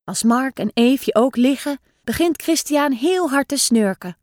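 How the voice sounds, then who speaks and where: A woman reading a children's story aloud in a lively, expressive way. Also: high-pitched, a little slow, dry recording.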